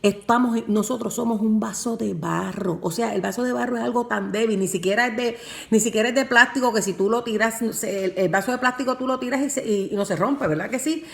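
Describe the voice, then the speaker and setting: A woman's voice: on the high side, brisk, vocal fry. A woman preaching a sermon and telling her own testimony, with emphatic repeated phrases and fervent delivery. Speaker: preacher and worship singer.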